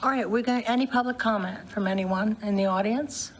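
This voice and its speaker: A woman chairing a public committee meeting, relaxed and chatty, with a voice she says she is losing. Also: medium pitch, a little fast, a little hiss or hum. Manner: warm, loose, laughs between remarks. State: losing her voice.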